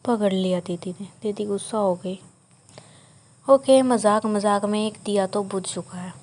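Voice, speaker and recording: Slow, chatty Indian woman gaming host. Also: medium pitch, steady tone, a little mellow. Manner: chatty, teasing the ghost, slips into English. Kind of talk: playing a horror game on camera.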